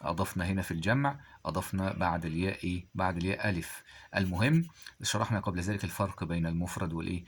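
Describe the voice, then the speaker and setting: A man teaching a grammar lesson. He reads example sentences slowly, then asks quiz questions and answers them himself. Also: deep voice, a little hiss or hum.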